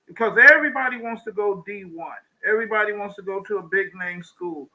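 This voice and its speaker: A man hosting a talk show, interviewing a guest in a halting way, often repeating words and laughing. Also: high-pitched, sharp tone, poor audio. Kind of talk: interviewing a guest over video call.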